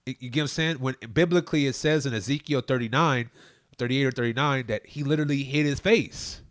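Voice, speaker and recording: A man's voice: medium pitch, fast talker, fairly bright tone, no echo, clean studio sound. Preachy, emphatic man on a podcast. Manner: preachy and emphatic, urges listeners to look things up. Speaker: podcast co-host. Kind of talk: casual podcast chat.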